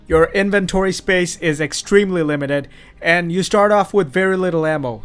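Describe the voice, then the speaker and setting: A man's voice: fairly high pitch, a bit bright. A man hosting a casual game review, talking in a blunt, profane and sarcastic way. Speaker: game reviewer, channel host.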